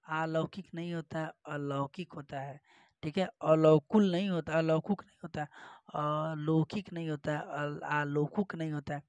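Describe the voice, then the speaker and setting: A Hindi teacher going through exam practice questions, explaining each answer with rhetorical questions and repetition. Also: male voice, a little high, no room sound, highs cut off. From northern India.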